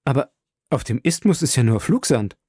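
A man reading a wondering, mellow professor. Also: mid-range voice, very animated, normal speed, breathy edge, no room sound, studio quality. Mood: astonished. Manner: wondering and questioning. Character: astonished male scholar, a curious professor. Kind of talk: audiobook role reading.

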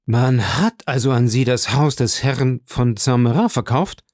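A man voicing an uneasy public prosecutor who gives pressed, halting replies. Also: mid-range voice, a little mellow, dry recording, clean studio sound, natural voice. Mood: strained. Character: uneasy male public prosecutor, stiff and strained.

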